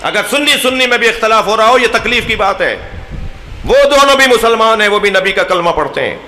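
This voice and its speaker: A man with a Pakistani Urdu accent, preaching an impassioned sermon to a gathering, swinging between loud declamation and low, earnest speech. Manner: oratorical, rising to loud declamation then dropping low. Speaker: Shia cleric addressing a majlis. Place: large imambargah hall. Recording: echoey hall with long reverb.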